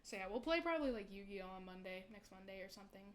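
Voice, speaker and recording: A woman's voice: medium pitch, animated, racing. A young woman VTuber chatting casually with her stream viewers, rambling and giggling often.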